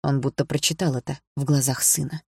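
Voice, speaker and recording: A reader narrating a novel in steady, measured tones, with a middle-pitched voice. The recording is close and completely dry, with no room sound. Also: no room sound. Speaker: audiobook narrator. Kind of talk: scripted narration.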